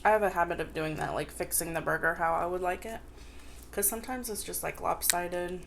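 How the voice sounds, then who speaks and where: A woman's voice: lowish voice, steady tone, a little fast, vocal fry, a little hiss or hum. A woman chatting casually to viewers on an eating show, chewing as she talks and eating between phrases. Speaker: mukbang vlogger.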